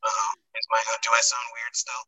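A man asking rambling, hesitant questions in a casual remote conversation while his audio glitches into a robotic sound with sudden pitch jumps. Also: monotone, normal speed, sharp tone, poor audio.

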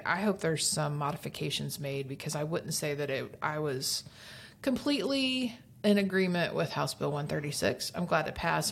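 A woman's voice: low voice, vocal fry, a little hiss or hum. A woman co-hosting a casual podcast, talking from an empty room. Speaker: podcast co-host. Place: empty room of a new store studio.

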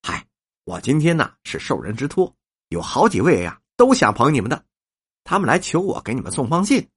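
A man voicing a polite, measured male newspaperman in a storybook reading, with a husky voice. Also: medium pitch, very animated. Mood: courteous.

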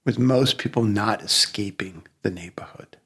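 A man with a Brooklyn accent hosting a reflective coaching conversation, speaking deliberately, probing and repeating words for emphasis. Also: on the low side, fairly bright tone. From Brooklyn, New York. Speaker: podcast host and coach.

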